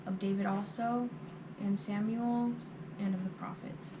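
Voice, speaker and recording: Rote recitation of memorised scripture comes from a woman with a monotone, mid-range voice who pauses haltingly between phrases. The amateur recording carries a lot of noise.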